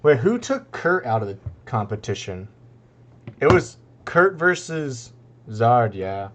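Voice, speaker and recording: A relaxed man casting a live strategy game match. He rambles loosely, drops in plenty of "like"s and chuckles between thoughts. His voice sits in an everyday middle register. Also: medium pitch, slow, dull audio, slight background noise. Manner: laid-back and rambling, laughs often, many fillers. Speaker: esports caster. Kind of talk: casual live game commentary.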